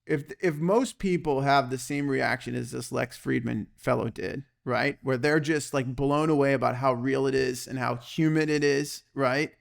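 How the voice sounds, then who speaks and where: A man hosting a podcast in a casual, energetic way, often checking in with "okay" and "right?". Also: medium pitch, normal speed, vocal fry, few pauses. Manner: energetic, excitable, peppers talk with "okay" and "right?". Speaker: podcast host.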